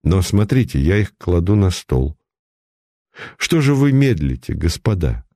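A man's voice: deep voice, no room sound, studio quality, voice pushed down, full character voice. Man playing a cool, sarcastic detective. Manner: calm, sarcastic, measured. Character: cool unflappable male police detective.

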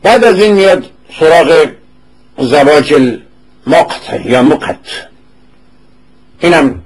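Husky-voiced man giving a lecture. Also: on the high side, expressive, rough recording. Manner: reads classical Arabic passages aloud, then explains them in casual colloquial speech; repeats and corrects words to settle pronunciation. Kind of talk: informal lecture.

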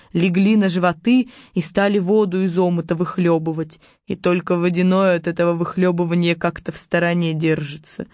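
A woman narrating a fairy tale in a lively storytelling manner. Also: fairly low pitch, dry recording. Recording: dull lo-fi recording.

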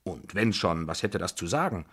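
In a radio drama reading, a man with a low, breathy-edged voice plays a domineering 75-year-old grandmother. His delivery is very animated and heavily acted at a moderate pace, loud, bossy, scolding, and commanding as she gives orders.

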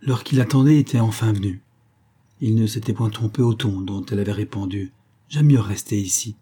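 A man narrating a classic novel as an audiobook in a measured, expressive reading. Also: lowish voice, slightly rough.

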